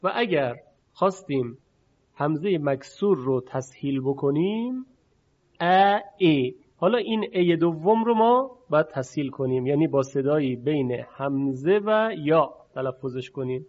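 Man, recitation teacher, patient explainer, drawn-out demonstrations, slightly high voice, dull lo-fi sound. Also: expressive. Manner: patient, demonstrating sounds slowly and repeating them. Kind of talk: explanatory lesson.

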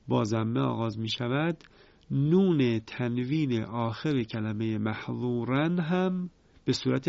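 A man teaching the rules of Quran recitation in a formal, measured way, slowly repeating each example. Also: mid-range voice, vocal fry, a little mellow, dry recording. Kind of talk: formal spoken lesson. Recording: dry, slightly dull lo-fi sound.

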